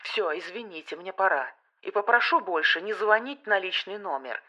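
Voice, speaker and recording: A woman voicing a gruff, dismissive male police major who speaks coldly and curtly. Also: mid-range voice, expressive, moderate pace, pushed and bright. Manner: curt, cold, dismissive.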